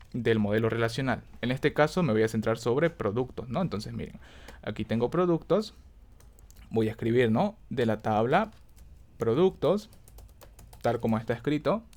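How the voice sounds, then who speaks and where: A slightly mellow, medium-pitched male voice leads a screen-recorded database lesson. The teacher goes step by step, talks through his thinking, corrects himself and regularly makes sure his students are with him.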